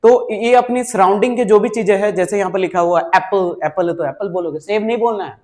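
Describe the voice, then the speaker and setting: A man with a high voice teaches a spoken English lesson. He mixes Hindi with English words and asks questions that he answers himself. He often stops to check that learners follow. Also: fairly quick, a little mellow. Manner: repeats "ठीक है?" and "right?" to check on learners.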